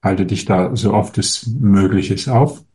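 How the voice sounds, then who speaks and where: A man speaking as a spiritual teacher, answering viewer questions in a calm, musing way with frequent hesitations. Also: on the low side, unhurried.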